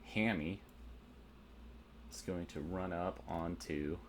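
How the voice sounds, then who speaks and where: A man's voice: low-pitched, steady tone, takes it slowly, a little hiss or hum. A man narrating a tabletop game as game master, methodically explaining rules and dice rolls.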